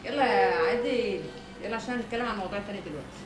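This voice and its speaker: A woman's voice: medium pitch, rapid-fire, music in the background. A woman with an Egyptian Arabic accent chatting casually on a live stream, reading out viewers' names and teasing them playfully.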